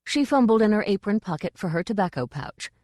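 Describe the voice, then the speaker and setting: A woman narrating an audiobook in a measured, dry reading style. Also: medium pitch, expressive, a little mellow, no room sound. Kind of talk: scripted narration.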